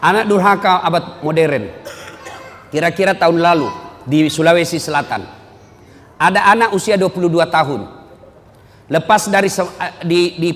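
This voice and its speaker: A male preacher giving a lively, joking sermon and calling out to his audience. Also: sits high, big-room sound. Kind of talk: humorous sermon. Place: gathering at an Islamic boarding school.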